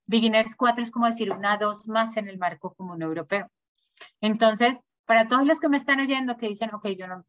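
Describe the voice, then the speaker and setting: A school sales manager, a woman whose first language is Spanish, presents study abroad programs in a webinar, keeping her sales talk upbeat and informative. Her voice sits in the mid range, and the audio is dull with no room sound.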